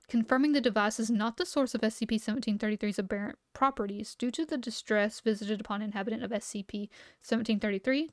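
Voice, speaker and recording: A woman livestreamer with a fairly high voice reads entries aloud and chats casually in between, skipping text with "blah, blah" asides. She's losing her voice and sounds slightly hoarse, as if she's talked for a long time. Her close mic at home keeps the sound dry, with no room sound.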